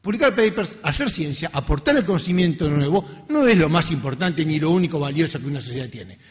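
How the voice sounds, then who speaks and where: A middle-aged research scientist with a Latin American accent lectures informally in a lecture hall, chatting conversationally and making self-deprecating remarks. His voice runs on the high side, expressive and fairly quick, and the hall reverberates.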